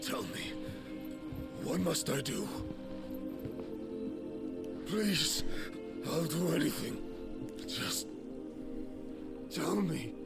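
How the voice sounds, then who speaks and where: An actor playing a broken, vengeful man in a video game, pleading with a gravelly voice. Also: fairly high pitch, lively intonation, drawn-out words, long pauses, full character voice. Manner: pleading and raw. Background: loud game music.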